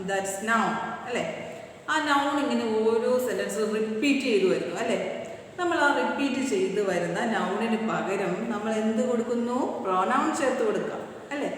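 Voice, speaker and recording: A woman teaching an English grammar class with a Malayali accent, reading English slowly and explaining quickly in Malayalam. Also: on the high side, lively intonation, slight background noise. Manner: slow deliberate English, rapid Malayalam explanations. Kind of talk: recorded online class lesson. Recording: echoey room, distant mic.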